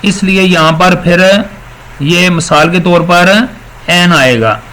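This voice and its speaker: A man giving a recorded English grammar lecture, explaining step by step, repeating words slowly and praising his students. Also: high-pitched, bright, forceful tone, low-quality recording. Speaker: English teacher.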